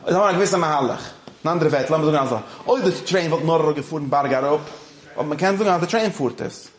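A man's voice: fairly high pitch, fast, echoey room. A man giving an informal religious lecture, moving between Yiddish and English and often checking that his listeners follow. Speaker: religious teacher.

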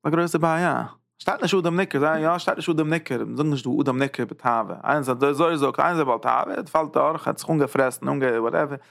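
A man teaching a religious text in an informal lecture, animated, repeating phrases and jumping up in pitch for emphasis. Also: brisk, creaky, few pauses.

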